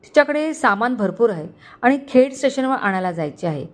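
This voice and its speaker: A woman voicing a kindly older man, a father, in a Marathi audio story, talking in a warm, reassuring way. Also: on the high side, big pitch swings, brisk.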